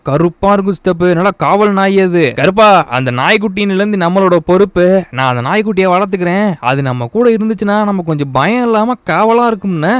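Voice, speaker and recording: High, smooth-voiced game host. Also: male voice, quick pace. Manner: lively, addresses viewers, reads out names. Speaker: gaming video host. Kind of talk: game roleplay with viewer shout-outs.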